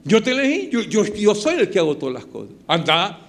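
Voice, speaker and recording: A man's voice: high voice, huge pitch swings, a little fast, vocal fry, fairly bright tone, exaggerated voice. A male preacher voicing God as an insistent, commanding man who repeats himself for emphasis. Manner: emphatic repetition.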